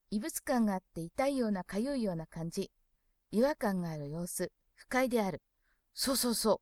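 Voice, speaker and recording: A woman works through a dialect dictionary, reading each entry clearly before slipping into soft, chatty asides. Her voice sits at an ordinary middle pitch, and the recording is dry and close, with no room sound. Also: no echo. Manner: reads entries clearly, then adds soft, chatty asides. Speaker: dialect lesson presenter. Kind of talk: reading dictionary entries aloud and commenting.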